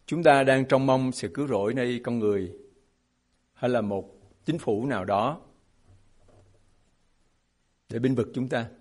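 A man's voice: medium pitch, measured pace, pauses often, darkish tone. A man preaching a sermon as a pastor, emphatic and asking his congregation rhetorical questions.

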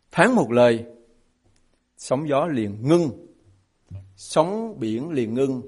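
A man's voice: medium pitch, a little mellow. A man preaching a sermon as a pastor, emphatic and asking his congregation rhetorical questions.

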